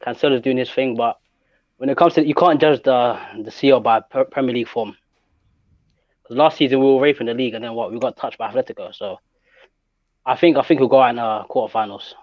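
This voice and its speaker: A man's voice: mid-range voice, fast, dry recording. A man on a casual online football panel, sarcastic and teasing. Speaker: guest panelist. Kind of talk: casual online group chat. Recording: dull call audio.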